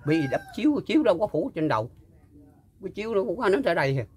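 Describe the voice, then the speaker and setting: Older guy telling an old story, lots of uh and repeats, a bit high voice. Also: very animated, a little mellow, slightly rough. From Mekong Delta, Vietnam. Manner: halting, full of fillers and repeats. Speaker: guest storyteller. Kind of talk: casual spoken recollection.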